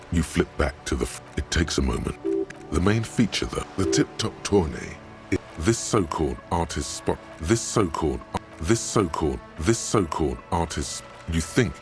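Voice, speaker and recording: A man reading a video game's narration aloud, stumbling and restarting as he goes. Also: rumbling low. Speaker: player reading game text aloud.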